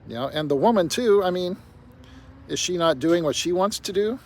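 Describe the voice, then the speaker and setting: A man's voice: sits high, animated, moderate pace. An older man talking bluntly to camera in a rambling casual monologue, peppered with "you know". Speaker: vlogger. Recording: faint outdoor traffic noise.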